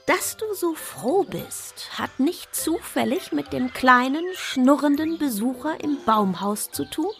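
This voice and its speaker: Woman playing a kind teasing dad in a storybook, slow, faint music behind. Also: high-pitched, expressive, vocal fry, fairly bright tone, pitched above the performer's own voice, full character voice.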